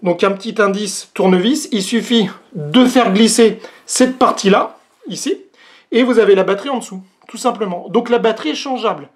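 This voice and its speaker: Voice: mid-range voice, moderate pace. A casual unboxing host speaks straight to the viewer from a room at home, explaining each part of a device. The talk is loose and chatty, full of hesitant fillers and small restarts. The host mocks their own English accent in passing. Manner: self-mocking about own English accent. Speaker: host reviewing a product.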